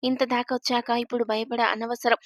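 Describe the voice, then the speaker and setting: A woman narrates a story in an even, scripted way. Her voice sits a little high and hardly rises or falls. The sound is dry and close, with no room around it. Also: fairly quick, dry recording. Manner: steady, even reading of a first-person tale.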